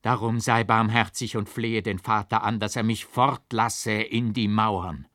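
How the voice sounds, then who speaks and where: A man's voice: on the low side, fairly even intonation, measured pace, fairly bright tone, no room sound, studio quality. A man reading the part of a tormented young nobleman in an audiobook, with a dull, hollow voice and anguished outbursts. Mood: grim. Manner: anguished outbursts, bitter mocking cries.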